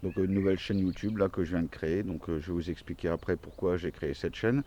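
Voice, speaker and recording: Deep-voiced man in his forties, rambling outdoors. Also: fast talker, warm tone, dull audio, slight background noise. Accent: central French regional. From France. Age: 40s. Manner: rambling, many fillers and restarts. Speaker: gardening YouTuber. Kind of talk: casual self-introduction video. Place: outdoors in a small vegetable garden.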